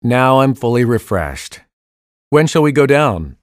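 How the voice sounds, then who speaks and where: A man voicing the male parts of a school listening test with clear, evenly paced delivery. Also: mid-range voice, very animated, measured pace, slight background noise. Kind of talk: scripted test dialogue reading. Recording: dry studio recording.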